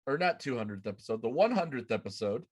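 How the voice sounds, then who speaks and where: Talking fast in a sing-song, mid-range voice, a man in his thirties hosts a live podcast indoors. He keeps the conversation casual from a small room at home.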